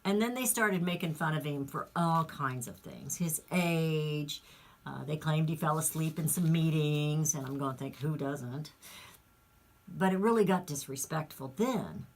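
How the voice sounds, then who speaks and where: A woman's voice: sits low, measured pace. A woman hosting a talk radio show, delivering an indignant, emphatic monologue with rambling asides.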